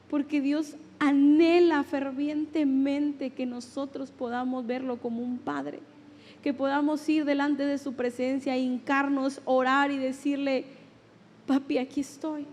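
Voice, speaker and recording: High-voiced Mexican woman pastor preaching. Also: flat delivery, slow pace, darkish tone. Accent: Mexican Spanish. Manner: emotional testimony, repeats phrases for emphasis. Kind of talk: sermon. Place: church hall. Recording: long hall reverb.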